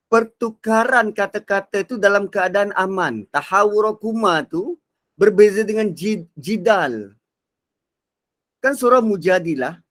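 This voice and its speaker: Male religious teacher, fairly high voice, expressive lecture delivery. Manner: expressive, acts out quotes, shifts between soft and loud. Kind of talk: Quran reflection lecture.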